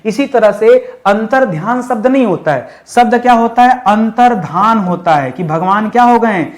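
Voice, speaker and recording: A male teacher with a notably high voice works through spelling mistakes for exam students. He keeps asking the class what the right form is and answers it himself. His corrections are firm and repetitive. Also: expressive, moderate pace. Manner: repeats questions to the class and answers them himself. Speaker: Hindi teacher. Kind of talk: online exam-prep lesson.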